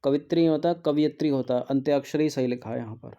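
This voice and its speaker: A man's voice: mid-range voice, fast talker, warm tone, highs cut off. A male teacher going through exam practice questions, repeating words to drill their spelling and mixing in English terms.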